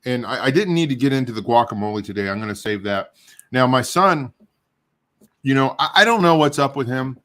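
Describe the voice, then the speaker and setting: A middle-aged man hosting a casual chat while he tastes hot sauce. He rambles in a halting, self-deprecating way, and his nose is running. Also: medium pitch, lively intonation, background noise. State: runny nose. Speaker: show host.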